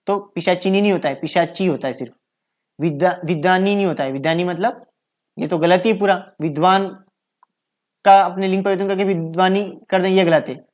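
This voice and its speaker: A Hindi grammar teacher giving a lesson, patiently repeating each correct form and asking and answering their own questions. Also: medium pitch. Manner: frequent self-corrections and trailing "है ना" checks. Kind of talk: recorded online grammar lesson.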